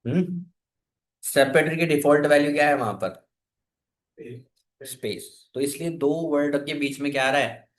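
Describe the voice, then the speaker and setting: A man's voice: fairly high pitch, steady tone, moderate pace. A man teaching a programming class, asking his students questions and waiting for their answers. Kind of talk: classroom coding lesson.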